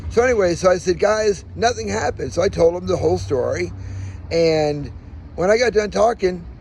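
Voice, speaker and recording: Male vlogger, emphatic personal rant, gap-toothed slur from missing front teeth, heavy vocal fry, some background noise. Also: high-pitched, normal speed, a little mellow. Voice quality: slightly slurred speech from missing front teeth. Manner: aggrieved, emphatic, acts out reported dialogue. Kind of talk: personal rant to camera, telling his own story.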